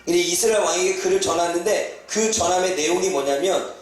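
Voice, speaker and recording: A man preaching a sermon in a church, acting out the figures in a lively raised voice. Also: sits high, brisk. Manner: acts out biblical characters in lively raised voice. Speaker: pastor. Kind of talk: sermon with acted-out quotes. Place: church hall. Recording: very echoey hall from far off.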